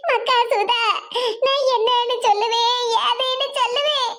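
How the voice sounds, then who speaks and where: A woman puts on a grieving old village grandmother from a cartoon, who speaks in a piercing, very high voice with a Kanyakumari Tamil accent. She wails and blames herself over and over, fretful and tearful. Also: fairly even intonation, moderate pace, a bit bright. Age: over 70 (figure). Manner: lamenting, self-blaming. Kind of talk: animated comedy voice acting.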